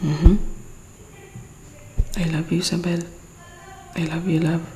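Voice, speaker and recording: Taking her time, a Filipino-accented woman with a fairly low, level, dark voice plays an exasperated but affectionate girlfriend for an intimate ASMR roleplay. She teases and scolds, then coaxes gently, weaving in English. Long reverb from an echoey room sits over faint background noise.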